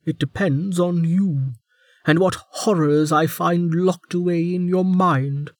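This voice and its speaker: A man voicing an ancient, imperious female warden who drawls and mocks, leaning slowly on certain words in an audiobook. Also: high-pitched, steady tone, no echo, clean studio sound, pitched above the performer's own voice. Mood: sardonic. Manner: drawling, mocking, with slowed emphatic words. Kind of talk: audiobook character voice.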